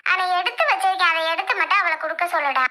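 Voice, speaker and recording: A woman playing a busy older mother who mutters complaints quickly while sweeping, in a comedy sketch. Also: extremely high pitch, animated, bright, forceful tone, exaggerated voice. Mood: harried.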